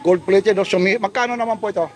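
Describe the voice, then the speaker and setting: A man with a high voice chats briskly at an outdoor street market as light rain falls. He keeps up a lively running patter full of tag questions, as if filming on a handheld phone. The sound has the feel of a casual street vlog. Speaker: vlogger showing goods at a market stall.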